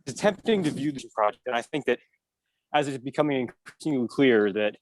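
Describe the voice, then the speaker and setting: A man calling in to give public comment, his call audio choppy with volume cutting in and out, speaking haltingly with many fillers. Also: medium pitch, lively intonation, no room sound, poor audio. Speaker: public commenter calling in to a city council meeting. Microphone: remote call-in line.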